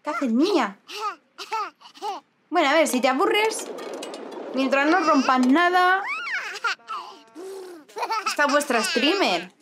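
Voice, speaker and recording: A young woman with an accent from Spain, giving lively, exclaiming commentary on a life-sim game to her viewers. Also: sits high, slow pace, long pauses, background noise. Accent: Spanish from Spain. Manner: expressive, exclaiming, talks to her audience. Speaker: gaming streamer. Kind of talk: gaming commentary.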